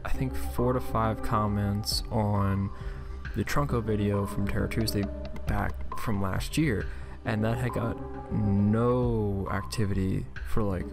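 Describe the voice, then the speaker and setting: A man with a slightly low, very creaky voice hosts a casual online commentary. He talks in loose, rambling asides. Music is clearly heard behind his voice. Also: steady tone, slow pace. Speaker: YouTube channel host. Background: background music.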